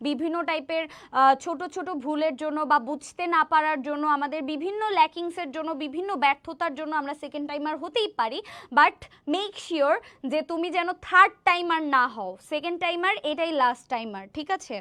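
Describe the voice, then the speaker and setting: A young woman teaching an online exam-prep class. She explains slowly, drags out key words, repeats the answers, slips in English words and keeps asking her students "right?". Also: high voice, pushed and bright. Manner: encouraging, motivational asides. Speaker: admission test tutor.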